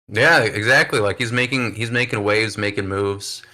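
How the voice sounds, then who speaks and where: A man hosts a casual podcast chat, talking in an upbeat, rambling way full of fillers. His voice sits a little low but has a bright, forward ring. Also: moderate pace. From United States. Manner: chatty, upbeat, many fillers. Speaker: podcast host.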